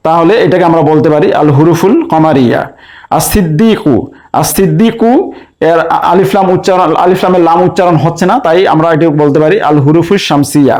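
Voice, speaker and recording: A man's voice: high voice, darkish tone. A man teaching a recorded language lesson, going through each example methodically and repeating the same explanation, with some hesitations. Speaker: Arabic teacher.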